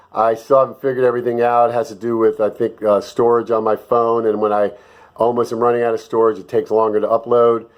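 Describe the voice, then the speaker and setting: A man's voice: medium pitch, muffled recording. A man with a cold, hosting his own vlog in a rambling, jokey casual chat. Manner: rambling and jokey, with many fillers. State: sick, voice lower than usual. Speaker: vlog host.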